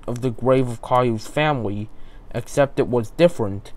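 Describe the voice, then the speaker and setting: A man narrating a creepypasta in a halting, stumbling way, often restarting his sentences. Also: mid-range voice, darkish tone.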